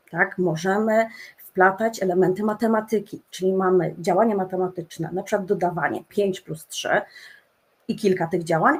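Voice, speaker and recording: A woman's voice: medium pitch, slightly rough. A middle-aged woman, a special education teacher, presenting at an online conference, speaking off the cuff with many filler sounds and restarts, over a computer mic. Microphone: computer mic on a video call.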